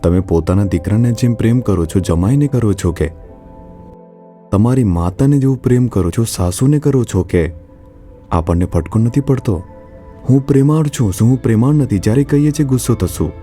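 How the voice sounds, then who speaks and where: A man preaches and then leads the listeners in prayer, his lines earnest and pleading. His voice sits low and sounds very dark and mellow. Faint music plays underneath him. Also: lively intonation, normal speed. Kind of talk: sermon with led prayer.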